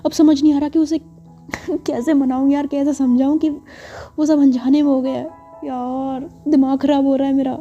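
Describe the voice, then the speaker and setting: A woman's voice: sits high, flat delivery, normal speed, dark tone. A woman voicing a shy young woman in love who stammers and pleads anxiously, in a lo-fi recording with faint music. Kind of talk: storytelling voice acting.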